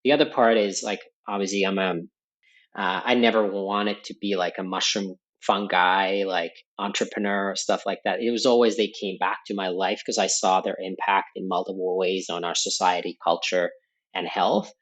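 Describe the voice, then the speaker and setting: Deep-voiced man explaining. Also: little pitch movement, normal speed, fairly bright tone. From Finland. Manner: thoughtful, explanatory, frequent fillers and restarts. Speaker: podcast guest, company founder. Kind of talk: conversational interview explanation.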